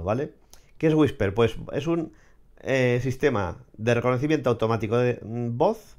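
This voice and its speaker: A man's voice: medium pitch, darkish tone. Blunt ranting man. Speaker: vlogger commenting on clips and AI tools. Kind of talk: casual commentary.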